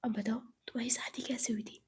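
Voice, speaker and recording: A woman's voice: fairly high pitch, little pitch movement, brisk, husky, whispered. A woman voicing a bold, blunt young woman friend who teases and scolds in a storytelling role voice. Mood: indignant. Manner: teasing, blunt, indignant.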